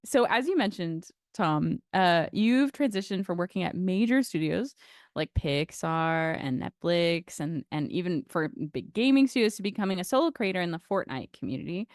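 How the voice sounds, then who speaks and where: A woman's voice: lowish voice, animated, normal speed, dry recording. Upbeat woman hosting a stream, dry sound. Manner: upbeat, encouraging, chatty. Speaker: host. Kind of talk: live-stream interview hosting.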